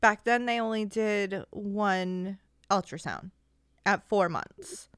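A young woman chatting easily with a friend, her words tumbling out with plenty of "like" and quick laughs. Her voice sits in a middle register and is recorded close and dry, with no room sound. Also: mid-range voice, a bit bright, clear, resonant tone, dry recording. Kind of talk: casual chat.

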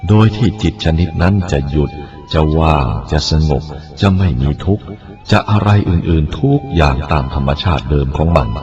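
A male Buddhist monk reading a written teaching aloud in a measured, deliberate way. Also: a bass voice, a little mellow. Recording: dull lo-fi recording with faint music.

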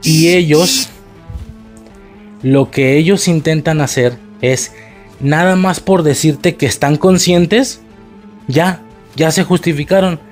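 A man's voice: fairly high pitch, takes it slowly, pauses often. A man with a Mexican accent ranting sarcastically and profanely in a casual video review, with faint music behind.

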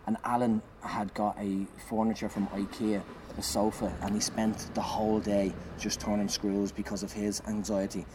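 A man with a lowish voice tells a comic story, animated and peppered with swearing. He laughs his way through it, and a steady noise hum runs under the recording. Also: moderate pace. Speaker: comedian. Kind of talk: casual storytelling chat. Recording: clear background noise.

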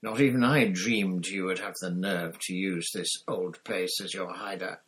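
A man's voice: low voice, steady tone, a little slow, fairly bright tone. A man voicing a sneering, vengeful male professor who speaks in a silky, spitting, menacing way, in an audiobook. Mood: gloating. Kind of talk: audiobook character voice.

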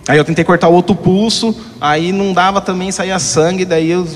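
A young man appearing as a guest recounts his testimony candidly, drifting from point to point and frequently ending with tag questions. He has a high, steady voice and a brisk delivery, and the recording carries hall reverb.

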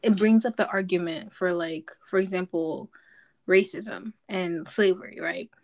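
A woman's voice: on the low side, fairly even intonation, unhurried. A young woman from Zambia, a podcast guest chatting casually, telling stories with lots of likes and ums. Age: young adult.

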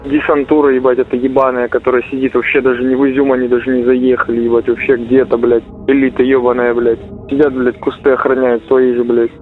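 A young man from Russia talks like a soldier phoning home, casual and constantly cursing. His voice comes over a radio-like intercepted line, muffled and very narrow in band. He vents in a loose chat style at a middle pitch. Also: level tone, quick pace, hardly any pauses, faint music behind. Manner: constant heavy swearing. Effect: voice heard over a radio-like phone intercept. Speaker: soldier calling home from the front. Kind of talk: casual phone chat, venting.

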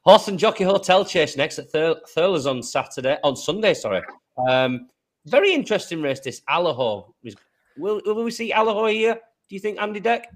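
A man's voice: high voice, expressive, fairly quick. A British man hosting a racing podcast, chatty and teasing in casual talk. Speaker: podcast host.

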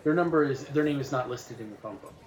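A man's voice: mid-range voice, fast, a little mellow, poor audio. A man running a tabletop game as game master, with a dry, understated delivery.

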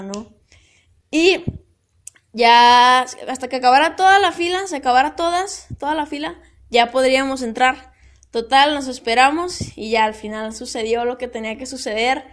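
Young mexican woman, high voice, chatty animated storytelling, lots of fillers and tag questions. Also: normal speed. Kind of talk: casual personal storytelling.

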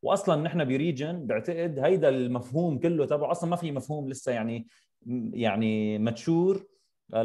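Fast-talking man with a mellow voice. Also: medium pitch. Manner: mixes English words into Arabic, repeats phrases. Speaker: interview host. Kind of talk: casual conversational interview.

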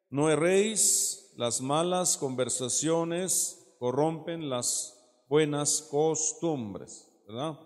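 A man teaches a sermon in a church hall, his voice trailing off into a long reverb. He explains patiently, keeps asking "¿verdad?" and slows to read the verses aloud. His voice sits at an ordinary middle pitch. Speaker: preacher.

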